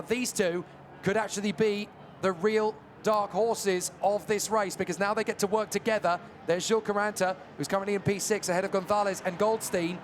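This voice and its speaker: A man working as a motorsport commentator, calling a live kart race in animated play-by-play. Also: sits high. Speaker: motorsport commentator, lead caller. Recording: loud engine and track noise behind.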